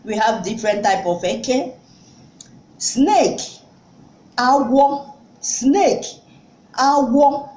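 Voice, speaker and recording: A woman teaching a vocabulary lesson, saying each word slowly and repeating it. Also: a little high, expressive, darkish tone, reverberant, low-quality recording. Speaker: language teacher. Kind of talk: slow vocabulary lesson with repetition.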